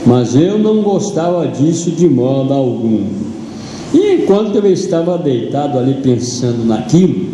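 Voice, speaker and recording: A Brazilian pastor preaches in a deep-toned, mellow voice, unhurried and dramatic as he retells a story as his own. His words ring through a large church hall with a long, booming echo and a faint hum of room noise. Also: big pitch swings. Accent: Brazilian Portuguese. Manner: slow dramatic retelling of a story in first person. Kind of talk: sermon.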